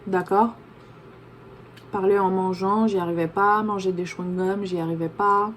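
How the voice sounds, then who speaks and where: A young woman talks in a relaxed, everyday way while eating, stopping between bites to chew. She sounds mid-pitched and natural, and a faint hum of room noise sits under her voice. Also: normal speed. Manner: chatty, talks while chewing a sandwich. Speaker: vlogger. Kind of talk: casual chat while eating. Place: home room, backlit.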